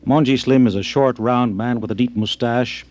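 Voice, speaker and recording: A man with an average-pitched voice presents scripted radio news as the anchor. He explains things in an orderly way and links the reports together. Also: steady tone, moderate pace, a little mellow.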